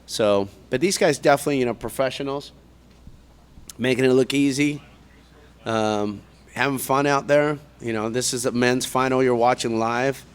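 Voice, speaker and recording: A man's voice: medium pitch, steady tone, normal speed, clean tone. A man doing live surf contest commentary as an announcer, in a laid-back, slangy surfer way of talking.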